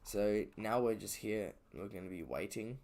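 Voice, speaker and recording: Low-voiced man mumbling through a trading chart. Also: moderate pace, darkish tone, slight background noise. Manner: loose, thinking aloud with fillers and self-corrections. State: sleepy, yawning. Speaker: trader streaming his session. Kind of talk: casual live trading commentary. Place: indoors at home.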